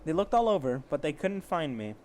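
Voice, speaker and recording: Very animated and brisk, a man with a slightly high, darkish voice reads amateur fiction aloud in a casual way. He keeps interjecting sarcastic, profane commentary.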